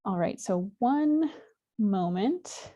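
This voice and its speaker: Speaking with a medium-pitched, expressive voice, dark in tone, she draws out her words. She is an Alaskan woman in her thirties giving a casual lecture on a video call from a home room with a virtual background, chatty and warm with the odd filler, recorded on a laptop webcam mic.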